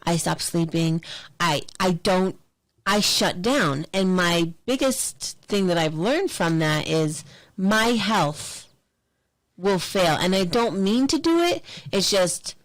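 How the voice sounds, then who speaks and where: A woman's voice: on the low side, lively intonation, takes it slowly, no echo, poor audio. A woman co-hosting a podcast, speaking in casual, candid chat and telling her own stories bluntly and with some swearing. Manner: candid and profane, tells stories, laughs often. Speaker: podcast co-host.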